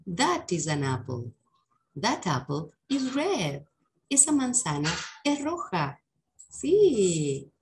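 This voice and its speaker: Unhurried woman teacher with gravelly voice. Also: fairly low pitch, wildly swooping pitch, noisy background. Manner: patient, slows down to model English words. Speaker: English teacher. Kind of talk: lesson explaining English for Spanish speakers.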